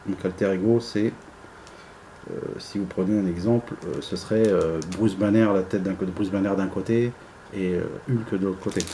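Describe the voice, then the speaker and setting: A man's voice: low-pitched, steady tone, moderate pace, warm tone, a little hiss or hum, rough recording. A man giving casual unboxing commentary, rambling and hesitant with many fillers. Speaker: unboxing vlogger.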